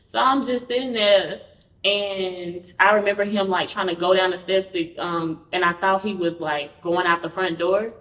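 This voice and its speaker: A woman's voice: lowish voice, level tone, normal speed, hardly any pauses, fairly bright tone. A woman guest on a podcast telling her personal story frankly, acting out the voices of the people in it. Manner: frank, acts out quoted dialogue while recounting. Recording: roomy, distant mic.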